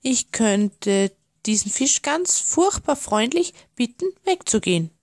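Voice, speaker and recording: A woman's voice: on the high side, expressive, slow pace, a little mellow, no room sound, studio quality, exaggerated voice. A woman voicing a timid, worried male octopus who speaks shyly and politely, in a storybook reading. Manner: shy, stammering and polite.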